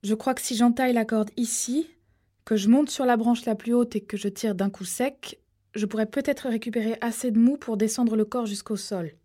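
A woman's voice: a little high, steady tone, normal speed, mellow, voice pushed up, close to an everyday voice. A woman reading aloud, voicing a nervous man who swears under strain. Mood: tense. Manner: strained, exasperated outbursts. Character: nervous male climber, tense and sweary.

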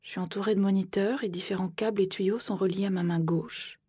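A woman narrating an audiobook in the first person, soft and measured, often slipping into whispers. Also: mid-range voice, steady tone, slightly rough, no echo, studio quality.

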